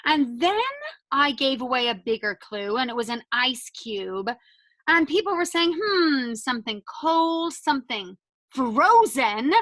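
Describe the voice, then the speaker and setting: A woman drama teacher hosting a video call for children, animated and sing-song as she coaxes them to join in. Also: on the high side, no echo. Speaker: drama school teacher and host. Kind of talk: enthusiastic talk to children.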